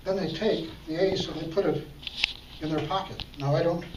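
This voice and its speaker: A man's voice: a little high, steady tone, normal speed. A man emceeing a church talent show, joking with the audience as he performs a card trick. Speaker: emcee and magician. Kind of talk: stage patter with card trick. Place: church hall with live audience. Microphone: far room recording. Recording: roomy hall, distant mic, audible noise.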